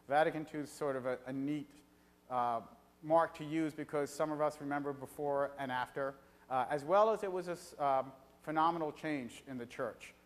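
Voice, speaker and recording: A middle-aged man delivers an evening lecture in an easygoing, conversational way, often pausing on fillers as he gathers his thoughts. His voice sits a little high for a man, and a long hall reverb trails each phrase. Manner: conversational, frequent filler pauses.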